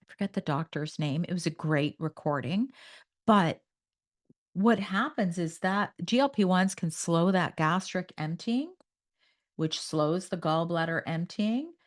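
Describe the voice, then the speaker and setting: Emphatic woman hosting a nutrition podcast. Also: medium pitch. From Canada. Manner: emphatic, animated. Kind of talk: health podcast talk.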